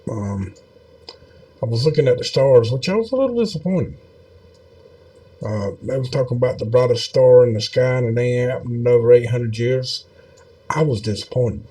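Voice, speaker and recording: A man's voice: medium pitch, steady tone, moderate pace, dark tone. A man giving casual, rambling video commentary in a folksy, meandering way, with many fillers. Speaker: video host.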